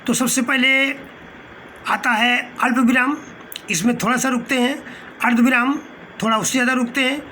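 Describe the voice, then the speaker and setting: A patient male teacher explaining slowly. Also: very high-pitched, pushed and bright, a little hiss or hum. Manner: patient and explanatory, glossing Hindi terms with English words; pauses mid-phrase with short fillers. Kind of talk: spoken lecture.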